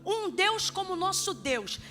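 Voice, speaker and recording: High bright-voiced woman preaching over music. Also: big pitch swings, unhurried. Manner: emphatic preaching, shouting peaks and humorous asides. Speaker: pastor. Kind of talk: sermon. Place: church sanctuary.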